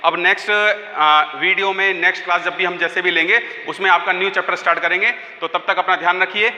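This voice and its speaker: A man with a Hindi accent teaches grammar in a high, very bright voice, slowly repeating each sentence for his pupils. His voice rings in a roomy space with a long, hanging reverb. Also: fairly even intonation. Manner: explains slowly, repeating phrases aloud to students. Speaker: school teacher. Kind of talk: classroom grammar lesson. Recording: echoey room, long reverb.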